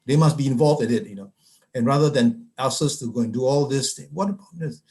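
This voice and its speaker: A man's voice: mid-range voice, a little mellow. Man asking rhetorical questions. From Malaysia. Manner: asks rhetorical questions in bursts, halting restarts. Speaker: psychiatrist panelist. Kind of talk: webinar panel discussion.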